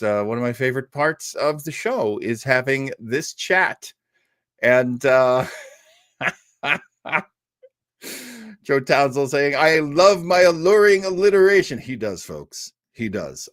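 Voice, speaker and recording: With a medium-pitched voice in a dry, clean studio recording, the middle-aged host of a live old-time radio listening show chats easily with his audience, keeping it jokey and relaxed.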